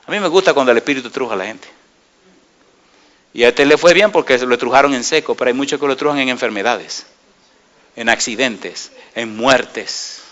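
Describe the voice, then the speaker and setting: A middle-aged male pastor preaching a sermon, asking the congregation rhetorical questions and telling stories with lively energy. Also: mid-range voice, a little fast, lo-fi sound.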